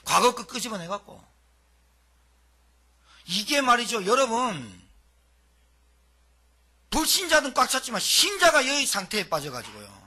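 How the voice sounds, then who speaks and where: A middle-aged male pastor preaches with a bright, sharp edge to his husky voice. His pitch leaps around as he fires rhetorical questions. He swings from loud emphatic lines to hushed asides. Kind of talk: sermon.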